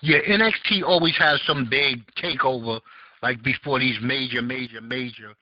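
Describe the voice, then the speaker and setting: This podcast host, a man with a Southern American accent, chats casually on a call-in show, rambling and groping for words with lots of fillers. His voice is medium-pitched at normal speed, and the recording is dry and dull lo-fi.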